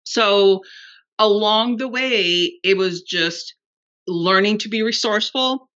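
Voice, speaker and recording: A woman's voice: medium pitch, takes it slowly, fairly bright tone, clean tone, muffled recording. A woman in her fifties, a native Spanish speaker, hosting a podcast interview and telling her story earnestly. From United States and Mexico. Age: 50s. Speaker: podcast host. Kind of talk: conversational interview.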